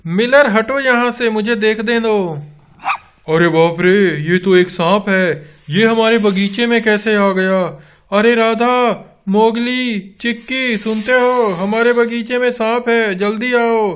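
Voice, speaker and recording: A man's voice: high-pitched, slow, fairly bright tone, a little hiss or hum. A man voicing a village father who urgently calls his family for help.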